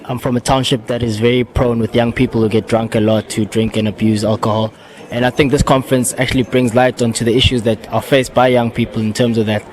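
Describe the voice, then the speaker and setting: A man, a conference volunteer, giving an earnest and steady interview statement. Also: medium pitch. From South Africa.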